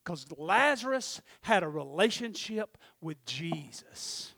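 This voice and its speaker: Fiery high-voiced preacher. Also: male voice, sing-song, slow pace, gravelly, no echo. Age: middle-aged. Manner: swings from shouted urgency to low intimate asides. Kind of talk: sermon.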